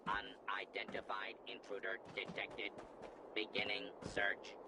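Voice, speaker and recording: A man voicing a stern male security robot on patrol, giving clipped, flat, formal commands. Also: fairly low pitch, a little slow, gravelly. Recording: loud background noise.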